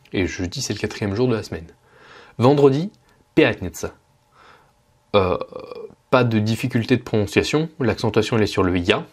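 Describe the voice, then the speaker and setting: A man giving a casual spoken Russian lesson at home, patiently slowing down to model each word. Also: fairly low pitch, darkish tone. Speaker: Russian language teacher.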